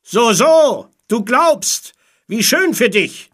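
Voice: mid-range voice, very animated, slow, a bit bright, voice pushed up, exaggerated voice. A storyteller voicing a mocking sailor on a merchant ship who taunts the pirates sarcastically, in a storybook reading. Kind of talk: storybook read-aloud.

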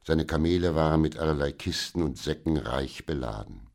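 Man, audiobook narrator, very low voice, calm, measured. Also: gravelly. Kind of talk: scripted storybook narration.

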